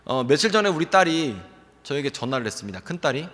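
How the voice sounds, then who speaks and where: Male pastor preaching in a church, slightly high voice, long hall reverb, acts out quoted dialogue and builds to emphatic appeals. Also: very animated, fast, fairly bright tone. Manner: storytelling, acts out quoted voices of family members; rising emphatic appeals to the congregation. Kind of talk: Sunday sermon. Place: church sanctuary.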